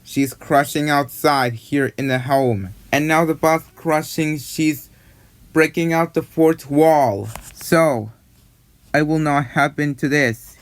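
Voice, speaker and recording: Brief: a fan narrator, man, slightly high voice, stumbling slowly through a cartoon retelling. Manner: halting, repetitive, run-on retelling. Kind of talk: rambling casual narration.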